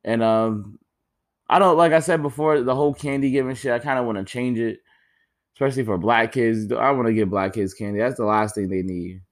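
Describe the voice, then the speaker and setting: A young man hosting a podcast, doing a rambling, joking solo monologue full of swearing, his pitch jumping up when he gets excited. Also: a little fast. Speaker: podcast host. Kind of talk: casual comedic monologue.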